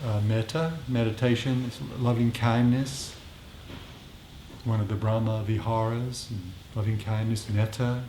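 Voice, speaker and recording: Leading a casual meditation group discussion, this man has a lowish voice, a level tone, and an unhurried pace. He reflects aloud and frequently repeats his phrases. The recording, made in the group's meeting room, is echoey with faint noise behind him.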